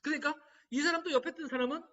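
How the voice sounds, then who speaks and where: A man's voice: extremely high pitch, rapid-fire. A man lecturing as a laughter therapist, telling stories and acting out the lines people say. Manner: animated storytelling, acting out quoted lines. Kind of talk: humanities lecture. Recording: dull, distant lo-fi recording.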